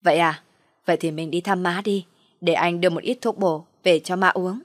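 A woman voicing a caring young husband who speaks gently and attentively. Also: on the low side, steady tone, normal speed, no echo, clean studio sound, lightly acted.

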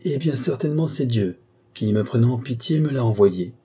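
A man's voice: mid-range voice, animated, normal speed, dark tone, husky. A man voicing a scheming, pious noblewoman who pleads emotionally, as in a read-aloud storybook. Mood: pleading.

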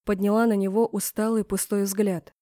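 Woman reading a novel out loud, middle pitch, super dry close mic. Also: little pitch movement, moderate pace, dry recording. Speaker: audiobook narrator. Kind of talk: first-person audiobook narration.

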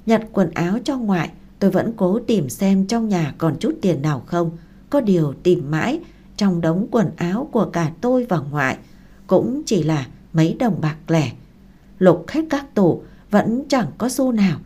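A woman narrating a first-person story in a steady storytelling manner. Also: fairly low pitch.

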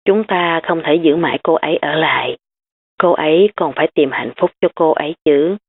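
A grieving young father speaks gently and holds back his sorrow, as a woman narrator reads him. The voice is low and close to the reader's own. The sound is thin, like a phone line. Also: moderate pace, husky. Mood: soothing.

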